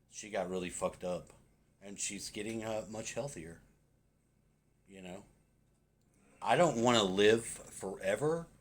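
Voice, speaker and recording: A man vlogging in a casual, rambling monologue, with frequent hesitations and restarts. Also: low voice.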